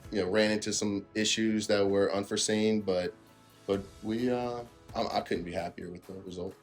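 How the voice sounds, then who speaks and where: A man's voice: on the low side, level tone, normal speed, soft background music. A man giving casual interview answers in a dry, understated way. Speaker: homeowner being interviewed.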